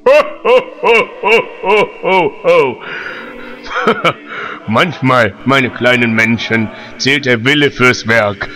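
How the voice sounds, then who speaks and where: A man's voice: expressive, bright, forceful tone. A man playing a jovial, magnanimous old Santa Claus in a comedic audio drama, with a grand manner. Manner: slow, grand, booming ho-ho delivery.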